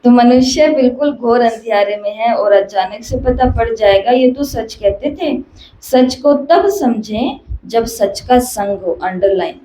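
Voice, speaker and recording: A woman with a fairly high, mellow voice delivers a spiritual sermon as a teacher, weaving in small stories and repeating her questions for emphasis. The recording is echoey, with a faint hiss underneath. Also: measured pace. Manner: repetitive emphatic questioning, storytelling. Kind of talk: spiritual discourse.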